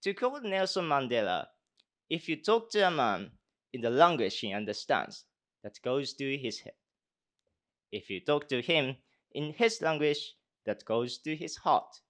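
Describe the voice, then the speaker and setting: A Japanese university student in his twenties with a posh British accent gives a speech in a conference hall, then fields questions hesitantly, full of fillers. His voice is mid-range, sing-song, fairly bright, and a little slow.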